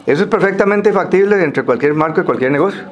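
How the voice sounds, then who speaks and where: A Costa Rican man speaking semi-formally to a group, explaining things in a halting way with pauses and repeated words. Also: high voice, lively intonation.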